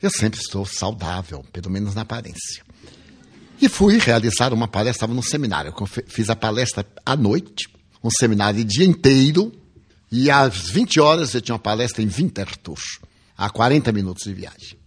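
A man's voice: lowish voice, fairly quick, breathy edge. An older man from Brazil with a Brazilian Portuguese accent, giving a spiritual lecture full of personal anecdotes and playful humor, acting out the dialogue. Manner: lively storyteller, acts out dialogue, playful humor.

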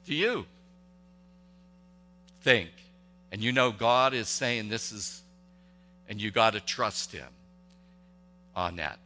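Male pastor, intense and tense-toned, folksy halting sermon delivery, long church-hall reverb. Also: fairly low pitch, expressive, sharp tone. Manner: conversational, halting, many restarts and rhetorical questions. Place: church sanctuary.

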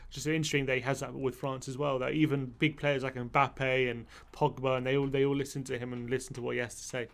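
A man's voice: medium pitch, quick pace, vocal fry. A young man co-hosting a football fan channel, talking casually in a small studio at a desk mic, getting worked up as he goes. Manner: animated, many restarts, gets heated. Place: small studio with brick wall. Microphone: desk microphone.

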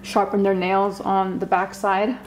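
A woman's voice: medium pitch, flat delivery, unhurried, slight background noise. A woman in her twenties bantering in a laid-back, teasing way during a home vlog in an apartment. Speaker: vlogger, co-host. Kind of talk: casual chat. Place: small apartment, indoors.

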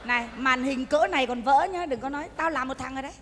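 A woman's voice: sits high, fast talker, fairly bright tone, a little hiss or hum. A woman playing a bossy, stingy client who scolds the mourners she hires. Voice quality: scolding, commanding. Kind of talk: stage comedy acting. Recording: stage hall reverb.

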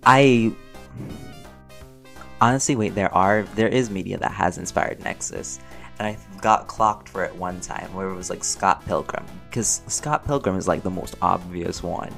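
This deep, gravelly voice with a fairly bright tone moves a little slowly. It's a channel creator and voice actor casually rambling through fan questions, chatty, slangy and playful, often interrupting himself and breaking into laughter, with music in the background.

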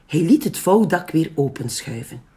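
A woman with a Flemish accent reading a picture book aloud for young children. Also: sits low. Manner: slow, very lively storytelling. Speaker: library storyteller.

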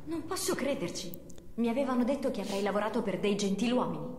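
A woman's voice: fairly high pitch, animated, fast talker, a little mellow, a little hiss or hum, lightly acted. An actress playing a prim, unimpressed young woman in a video game, dry and formal. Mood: annoyed. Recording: roomy reverb.

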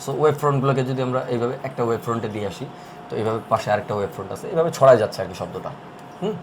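Fast-talking male teacher explaining. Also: mid-range voice, noisy background. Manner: patient, step-by-step explaining. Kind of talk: explaining at a board.

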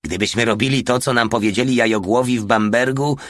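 A man's voice: mid-range voice, brisk, fairly bright tone, no room sound, lightly acted. A man voicing a brash, crude soldier who boasts gleefully in an audiobook reading. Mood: boastful. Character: brash jokey male soldier, grown man. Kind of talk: audiobook character voice.

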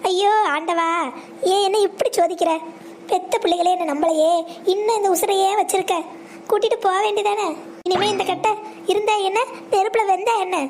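A woman acting out a crafty old village grandmother in a cartoon skit, her voice set very high. She wails melodramatically to the family, then whispers sly asides to herself. There is a faint hiss behind her. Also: normal speed, long pauses. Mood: wailing.

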